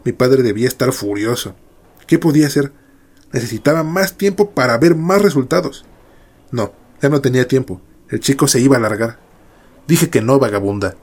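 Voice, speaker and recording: A man narrating a first-person horror story in a measured, dramatic way. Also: medium pitch, expressive, darkish tone.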